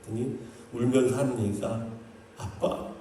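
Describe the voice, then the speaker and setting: A male pastor preaching a sermon in an animated way, sometimes quoting God in a fatherly voice. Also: mid-range voice, normal speed, slight background noise. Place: church sanctuary. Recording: echoey church sanctuary, mic at a distance.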